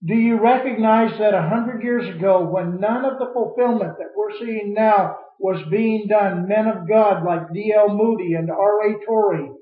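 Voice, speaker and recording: A man teaching a Bible study class, quoting scripture and putting questions to the listeners in a preacherly way. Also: sits high. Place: church room with a class. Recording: dull, echoey room recording.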